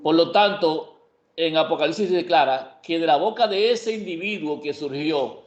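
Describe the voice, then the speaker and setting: A man with a fairly high voice teaches Bible prophecy in an emphatic way. He keeps posing questions and then answering them himself. The recording is roomy and slightly muffled. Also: moderate pace. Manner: emphatic, asks and answers his own questions. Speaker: preacher. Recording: echoey room, dull lo-fi sound.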